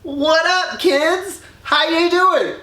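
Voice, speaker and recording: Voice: extremely high pitch, drawn-out words, bright, forceful tone, slight background noise, pitched above the performer's own voice, full character voice. A tipsy storyteller voicing a boastful Titan king who talks in street slang. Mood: swaggering. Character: swaggering slangy Titan king, greedy and paranoid. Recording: roomy echo, distant mic.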